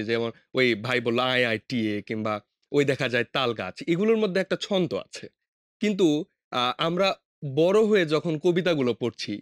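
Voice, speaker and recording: A man's voice: on the high side, dry recording, clean studio sound. A young man with a Bangladeshi Bengali accent, co-hosting a lesson podcast and asking hesitant, curious questions.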